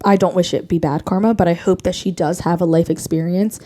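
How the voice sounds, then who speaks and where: A woman's voice: on the low side, a little fast. A young woman hosting a podcast, chatting casually and telling stories with slang, recorded in an office studio. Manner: chatty, animated storytelling with slang. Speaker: podcast host.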